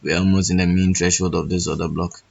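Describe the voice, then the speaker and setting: A man with a hoarse, husky voice walking through trading charts, thinking aloud and often restarting his phrases. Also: deep voice, level tone, quick pace, highs cut off. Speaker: trading educator.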